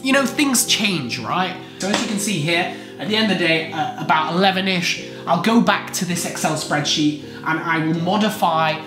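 A high-pitched, animated young man in his twenties talks at a moderate pace with hardly any pauses, vlogging casually about his weekly routine. He is a medical student, congested from a chest infection, gesturing a lot in a home study room. The recording is roomy, with background music.

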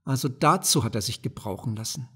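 A proud, hot-tempered merchant from an old storybook, short and clipped in speech, as a male audiobook reader does him. His voice is slightly husky. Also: mid-range voice, animated, a little fast, bright, forceful tone, exaggerated voice. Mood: curt, indignant. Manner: curt, clipped. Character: proud, quick-tempered dark-haired merchant brother.

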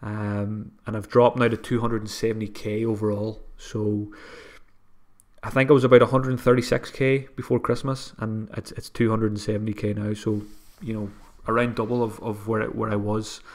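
Slightly sniffly with a cold, this solo fantasy football podcast host chats casually, frequently restarting himself and making self-deprecating remarks. He has a lowish voice with a flat delivery and a moderate pace.

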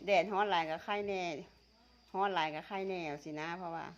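Fairly low and fairly quick, with fairly even intonation, this woman vlogger's voice comes through lo-fi sound with a little hiss or hum. She has a northeastern Thai Isan accent, Tai Yo, and chats teasingly and casually as she eats, laughing a lot.

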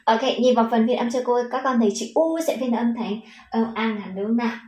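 A woman's voice: fairly high pitch, steady tone, a little fast, a little mellow, reverberant, rough recording. A woman with a Vietnamese accent teaching children English pronunciation, patient and encouraging, stretching out the model words.

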